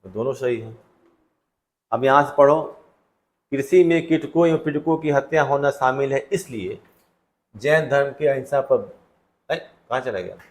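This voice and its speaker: A man's voice: medium pitch, a little slow, pauses often. A male teacher going through test answers with students in a classroom, conversational and full of questions to them. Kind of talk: classroom test solution lecture.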